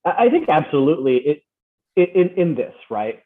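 A podcast guest who founded a fan club and grew up in the Philippines and the United States chats casually, rambling and tagging points with "right?". His fairly high voice swings widely in pitch at a brisk pace over a tinny, phone-like remote line.

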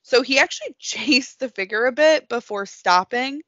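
A woman's voice: sits high, lively intonation, normal speed, fairly bright tone, dry recording. A young woman hosting a casual podcast, telling a creepy story in a chatty way, full of fillers and frequent laughter. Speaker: podcast host. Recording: dry, slightly dull remote recording.

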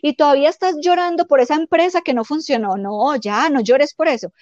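A woman life coach giving calm, explanatory spiritual self-help advice, often acting out quoted dialogue. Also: sits high, fairly quick, no echo, muffled recording.

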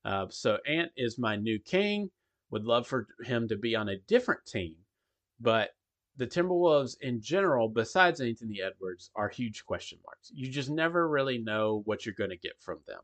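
A man's voice: mid-range voice, big pitch swings, normal speed. Man's voice echoing like in a tunnel. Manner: rambling, with frequent ums and restarts. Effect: hollow, echoing tunnel-like sound from a faulty mic. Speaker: podcast host. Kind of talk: casual sports talk.

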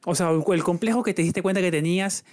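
A man's voice: high-pitched, quick pace, darkish tone, no room sound, studio quality. Joking South American man hosting podcast. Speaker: podcast host. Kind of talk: casual chat.

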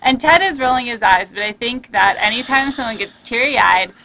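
A woman's voice: a little high, animated, normal speed, bright, forceful tone, no room sound, low-quality recording. A woman co-hosting a casual chat show, telling stories in a chatty way. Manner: chatty storyteller, laughs easily. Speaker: podcast co-host.

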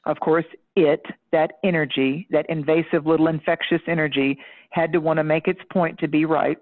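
A woman guest astrologer and psychic telling a story in casual chat, lively and emphatic, laughing now and then as she talks. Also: low-pitched, moderate pace. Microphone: phone or call line. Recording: tinny phone line.

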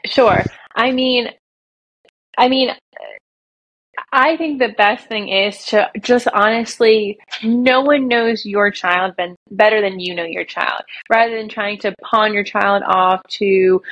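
A woman's voice: medium pitch, a bit bright, lo-fi sound. A woman, a children's author and speaker, answering as a guest on a podcast in an earnest, emphatic way. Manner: earnest, emphatic, quick in bursts. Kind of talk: podcast interview.

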